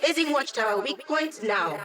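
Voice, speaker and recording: A woman's voice: fairly high pitch, big pitch swings, normal speed, pushed and bright. A young hacker ally from a video game. She is playful and wry. Her delivery is casual, full of teasing asides. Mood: focused, brisk.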